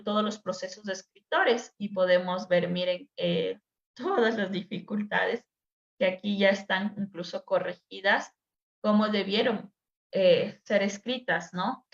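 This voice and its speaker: A woman's voice: mid-range voice, steady tone, a little slow. A woman teacher, patiently explaining a dyslexia assessment to a workshop group over a video call. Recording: echoey room, dull lo-fi sound.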